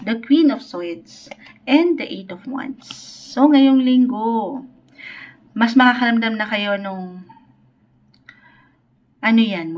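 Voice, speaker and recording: A woman's voice: medium pitch, slight background noise. A woman giving a weekly tarot reading on a livestream. She mixes Tagalog and English, speaks politely, and keeps checking in with "okay?". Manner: polite, uses "po" often. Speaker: tarot reader.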